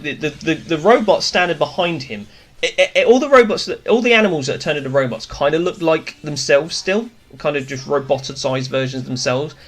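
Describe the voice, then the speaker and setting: A man's voice: mid-range voice, fairly bright tone. A man hosting a casual cartoon review, talking through his opinions in a chatty, enthusiastic way. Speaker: host.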